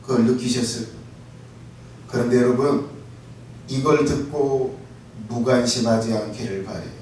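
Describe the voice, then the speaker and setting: A pastor preaching an impassioned sermon, often shouting for emphasis and acting out quoted words. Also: male voice, medium pitch, steady tone, moderate pace, slight background noise. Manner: acts out listeners' and Jesus' words in quotes. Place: church sanctuary. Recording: echoey church hall, mic far off.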